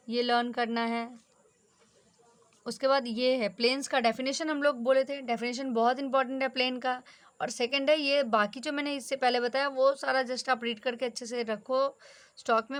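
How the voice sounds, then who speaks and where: A woman with a fairly high voice teaches an exam-focused lesson in a brisk, instructive way. She slips English terms into her explanations as she tells students what to learn. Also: a bit bright.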